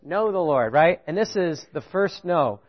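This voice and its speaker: A man giving a lively sermon in a fairly high voice. He rises in pitch on his main points, checks in with the listeners and chuckles between points. The recording sounds dull and lo-fi. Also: unhurried. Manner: animated, rising pitch on key points, chuckles, asks "right?". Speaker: preacher. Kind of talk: sermon with audience participation.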